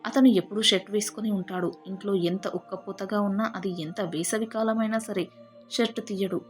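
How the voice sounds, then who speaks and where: A woman telling a first-person family story in a steady, heartfelt way. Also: medium pitch, normal speed. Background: faint background music.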